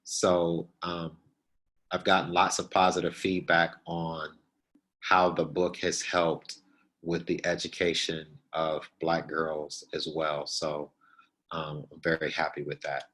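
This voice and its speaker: A man's voice: low-pitched, level tone, slow pace, a bit bright, poor audio. A man giving an earnest keynote talk to new principals, direct and repeating his key points. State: out of breath. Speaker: keynote speaker.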